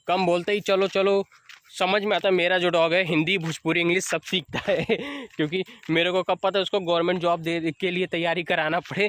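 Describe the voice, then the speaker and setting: Young male vlogger, outdoors, phone-cam dog-training chat, slightly high voice, light background noise. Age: young adult. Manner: chatty, explains then calls loudly to his dog. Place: outdoors on an evening walk by fields.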